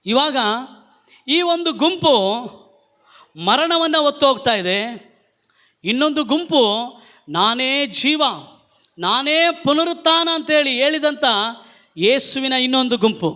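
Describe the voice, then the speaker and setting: A man's voice: very high-pitched, lively intonation, takes it slowly, long pauses, bright, forceful tone. A male pastor, preaching emphatically at a church service and calling the congregation to repeat after him. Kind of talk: Pentecostal-style sermon.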